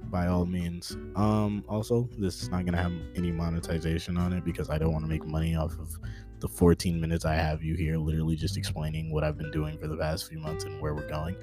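A man's voice: deep voice, mellow. A young man hosting his own podcast, talking off the cuff in a joking, rambling way and tripping over his words. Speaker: podcast host. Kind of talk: unscripted casual podcast update.

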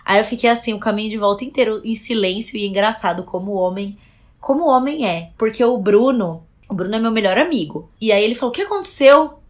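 A young adult woman with a Brazilian Portuguese accent, chatting casually and telling a personal story in a lively way, with some swearing. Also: mid-range voice, fast talker. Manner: animated storyteller, swears freely. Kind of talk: casual chat.

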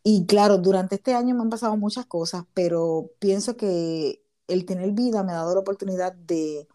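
Woman, host, mellow warm voice, earnest, hesitant restarts, casual faith chat. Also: medium pitch, normal speed.

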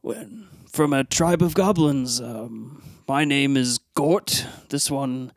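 A man voicing an earnest, loyal male goblin crewman who talks in plain, halting phrases. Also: mid-range voice, no echo, clean studio sound. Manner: plain-spoken, halting, with fillers.

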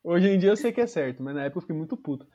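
A man's voice: on the high side, animated, rapid-fire, warm tone, dull audio. A man telling a funny personal story in casual, slangy chat, swearing freely and acting out the people in it. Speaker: podcast storyteller.

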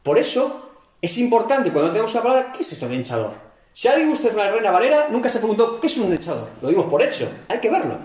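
Animated man teaching Bible class. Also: high voice, fast, echoey room. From Galicia, Spain. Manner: animated, acts out scenes with rhetorical questions. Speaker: seminary teacher. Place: church classroom.

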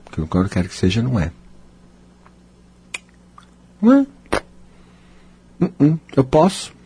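A man's voice: dark tone, breathy edge. A man giving a guided self-help talk, dramatic, playing out inner voices. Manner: dramatic, acts out inner voices, swings high and low.

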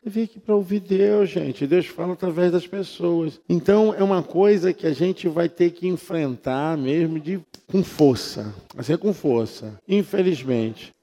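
A man's voice: on the high side, unhurried, mellow. A male pastor giving an informal church teaching to his congregation in a chatty way, now and then mimicking sounds with repeated syllables. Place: church sanctuary. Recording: reverberant church hall.

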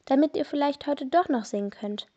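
A woman's voice: high voice, animated, a little fast, warm tone, pitched above the performer's own voice. A woman voicing a helpful, hard-working young male groundskeeper in a read-aloud story, on a dull lo-fi recording. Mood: earnest. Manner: earnest, sighing.

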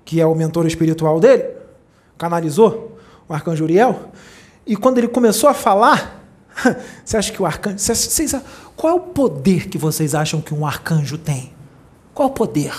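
A spiritual teacher gives a talk to a small group, telling stories animatedly and acting out the voices of the people in them with big jumps in pitch. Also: moderate pace, pauses often. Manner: animated storyteller, acts out quoted voices with big pitch leaps.

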